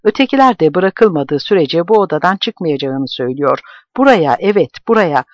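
A man's voice: a little high, animated, moderate pace, dry recording, muffled recording, lightly acted. A man voicing a distraught middle-aged woman who sobs as she explains. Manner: sobbing, pleading. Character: tearful middle-aged woman, anxious wife.

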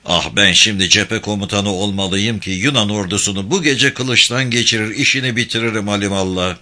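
A man's voice: on the low side, fairly even intonation, a little fast, bright, forceful tone. A man voicing an earnest young army lieutenant who gives orders eagerly in a story reading. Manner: eager, commanding.

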